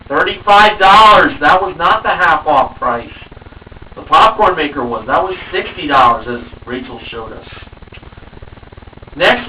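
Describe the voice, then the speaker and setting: A man narrating a game show recap in an excitable way, drawing out phrases for suspense. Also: sits high. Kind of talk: narrated recap with dramatic build-up. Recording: roomy, distant mic with background noise.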